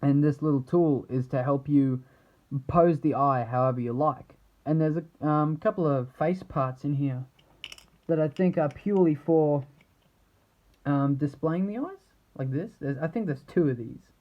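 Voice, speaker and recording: Man, somewhat high-pitched, casual reviewer, meandering, halting delivery, muffled low-fidelity audio. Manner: rambling, halting, trailing off mid-thought. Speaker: action figure reviewer. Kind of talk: casual unscripted product showcase.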